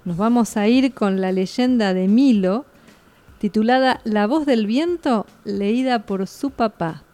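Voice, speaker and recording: A woman's voice: on the high side, takes it slowly, warm tone. A woman with an Argentine accent co-hosting a school radio show, introducing the next segment. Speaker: teacher co-host.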